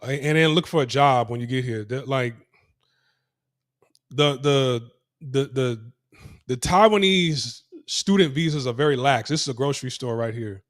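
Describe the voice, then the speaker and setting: Strolling through the city, this English-speaking vlogger chats to his viewers in a medium-pitched voice at a normal pace. He rambles, restarting and repeating phrases often, and the audio is clean and studio-like with no echo.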